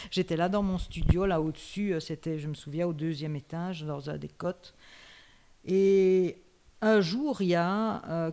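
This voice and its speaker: A woman's voice: sits low, mellow. A woman, a former radio host, chattily recounting an anecdote in an interview and laughing often as she tells it.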